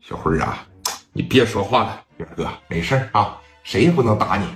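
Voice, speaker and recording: A man doing a gruff cursing gang member. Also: fairly low pitch, animated, brisk, reverberant, faint music behind, natural voice. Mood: scolding. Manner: gruff, curses.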